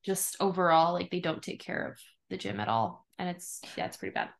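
Slightly low-voiced woman, informal podcast chatter. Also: level tone, fairly quick, creaky. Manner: informal, profane, frequent "like". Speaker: podcast co-host. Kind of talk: casual podcast chat.

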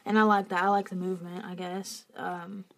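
A woman's voice: mid-range voice, level tone, fairly quick, vocal fry, fairly bright tone. A woman co-hosting a podcast in casual chat, talking loosely with lots of fillers and frequent laughs. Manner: chatty, laughs often, many fillers. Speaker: podcast co-host.

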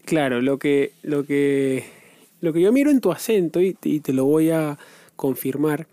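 Peruvian male podcast co-host, chatty and explanatory, mellow tone, dry booth sound. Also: on the high side, lively intonation, measured pace, no echo. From Peru. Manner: talkative, explains at length with many restarts. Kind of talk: casual chat.

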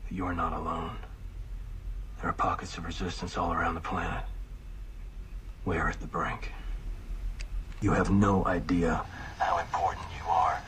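An actor playing a grave, weary resistance leader in a dramatic broadcast monologue to survivors. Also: male voice, low voice, flat delivery, moderate pace, pauses often, lightly acted. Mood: grave, resolute. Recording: very noisy, crackly resistance broadcast.

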